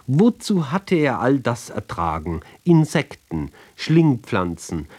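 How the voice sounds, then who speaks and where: In a lowish voice with a darkish tone, a man reads narrative poems, delivering short fragments separated by pauses in a deliberate, measured way.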